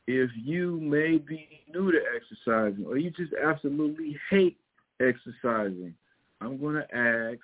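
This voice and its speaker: A man with a Missouri twang giving casual, motivational coaching advice in a folksy, emphatic way, repeating his key points. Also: mid-range voice. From Missouri, United States. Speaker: fitness and weight loss coach. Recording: thin phone-like audio.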